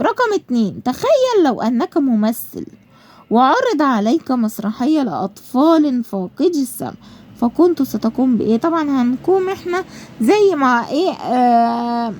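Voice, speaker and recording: A woman's voice: sits high, a little mellow, slight background noise. A woman with an Egyptian accent teaching a school lesson, asking and answering her own questions and drawing out example words.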